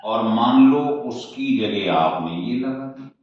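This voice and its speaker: Male chemistry teacher, lively pitch, unhurried delivery; repeats steps and quizzes the class; distant, dull mic in an echoey room. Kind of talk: classroom lecture at a board.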